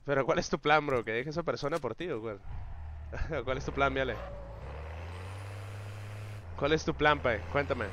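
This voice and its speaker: A man's voice: medium pitch, moderate pace, pauses often, fairly bright tone, highs cut off. Man, game streamer, teasing slangy banter, faint noise behind. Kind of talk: live game-stream chatter.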